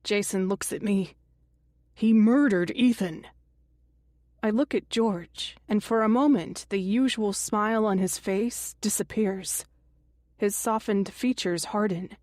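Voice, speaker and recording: Audiobook narrator: woman, measured and tense first-person thriller reading, slow, dry studio sound. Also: mid-range voice, darkish tone, no room sound.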